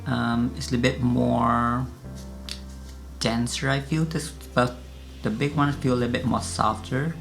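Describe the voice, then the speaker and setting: A man chats casually through a makeup routine like a beauty vlogger. His voice is noticeably creaky, with plenty of fry. Music is clearly audible behind him. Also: mid-range voice, steady tone, measured pace, fairly bright tone. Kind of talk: casual makeup tutorial chat.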